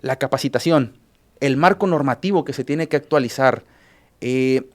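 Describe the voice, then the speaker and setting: A man with a Mexican Spanish accent speaks at a medium pitch as a journalist recapping news cases on a radio show. He halts often, using filler sounds and restarting sentences.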